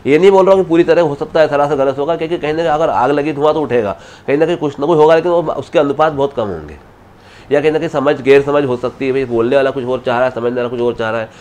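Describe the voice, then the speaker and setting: A man with an everyday mid-range voice speaks as an astrologer being interviewed. He answers at length in a halting way, often cutting off words and starting again. His talk is unscripted and wandering. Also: mid-range voice, a little mellow. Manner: halting, many restarts, explains at length. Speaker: astrologer guest.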